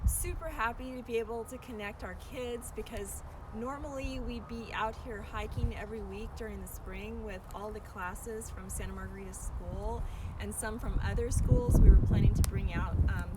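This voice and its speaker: A woman's voice: mid-range voice, fairly even intonation, moderate pace. A woman giving an informal, enthusiastic guided nature tour outdoors, speaking as a trail guide. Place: outdoors on an oak woodland trail. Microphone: camera a couple of metres away. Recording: distant mic, loud outdoor wind noise.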